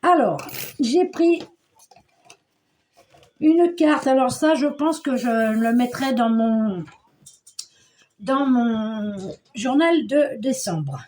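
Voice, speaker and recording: A woman's voice: a little high, animated, very slow, pauses often, darkish tone. An older woman chatting her way through a homely crafting tutorial, describing each step as she works. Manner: chatty, homely, narrates her hands at work. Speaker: scrapbooking crafter.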